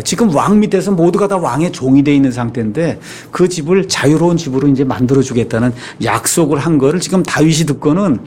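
A man's voice: mid-range voice, darkish tone. A man, a pastor, preaching a sermon in a conversational way, often asking his listeners rhetorical questions.

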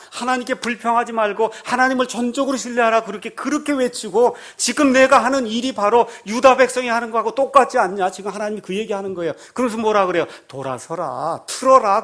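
A male pastor preaching a sermon, acting out quoted speech in a raised voice. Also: high voice. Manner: animated preaching, acts out quotes loudly.

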